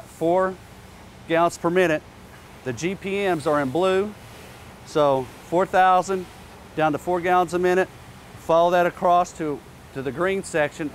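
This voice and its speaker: A man in his forties, speaking in a slightly high voice on a lapel mic with a little hiss or hum, presents for a company in an outdoor industrial yard. His how-to demonstration is plainspoken and practical, with casual asides.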